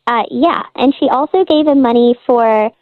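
A woman calls in to a radio show for a casual phone chat, her voice disguised by a morphing voice changer. She talks hesitantly with many fillers at a moderate pace in a slightly high voice. The phone line sounds dull and lo-fi, with no echo.

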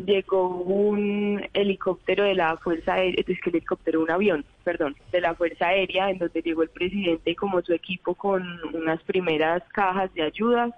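A woman's voice: fairly low pitch, normal speed, few pauses. A woman in her twenties from Medellín with a Colombian paisa accent, telling her story chattily as a phone-in guest on a radio show. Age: 20s. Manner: chatty, animated retelling with paisa fillers. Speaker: phone-in interviewee, evacuated tourist. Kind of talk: live radio phone interview. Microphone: telephone. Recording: tinny phone line.

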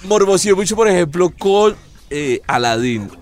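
A man's voice: sits high, animated, normal speed. A man co-hosting a podcast, chatting in a playful, teasing way and laughing often. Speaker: podcast co-host. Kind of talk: casual joking chat.

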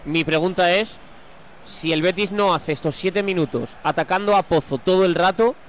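A man's voice: sits high, normal speed, slight background noise. A man with a Spanish accent from Spain doing live, emphatic radio football commentary as the play-by-play voice.

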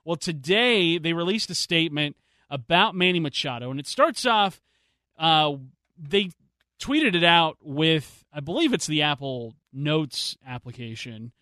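Man, sports talk host, animated and opinionated, bright tone, dry close mic. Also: fairly high pitch, measured pace, no room sound. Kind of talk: sports talk show chat.

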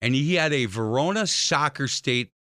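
A man hosting a radio talk show, telling stories in a lively, jokey way. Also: normal speed, dry recording, clean studio sound. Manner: animated, jokey, swings pitch widely when telling stories. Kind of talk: lively conversational storytelling.

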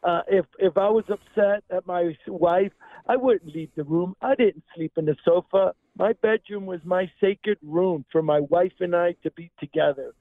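A man in his sixties talks over a phone line as a caller to a radio show. His voice sits high for a man, and the line is thin and tinny. He speaks earnestly and from the heart. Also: normal speed, dry recording. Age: 60s. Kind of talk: call-in radio chat. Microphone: telephone.

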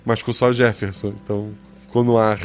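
A man's voice: fairly low pitch, flat delivery, a little fast. A man with a Brazilian Portuguese accent, hosting a podcast as game master, chatting casually and teasing listeners. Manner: joking, teasing, reads listener comments.

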